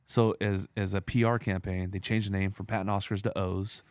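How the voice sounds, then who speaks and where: A man's voice: low voice, level tone, brisk, darkish tone, clean tone, no room sound. A man in his thirties, an entrepreneur guest, telling blunt, profane stories in streetwise slang. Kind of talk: casual storytelling.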